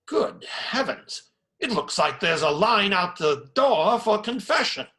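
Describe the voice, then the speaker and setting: An actor playing a kindly, proper medieval friar in a radio play, measured, pious and a little fussy. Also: male voice, sits high, sing-song, pushed and bright, heavily acted. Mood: fatherly. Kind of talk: theatrical radio play acting.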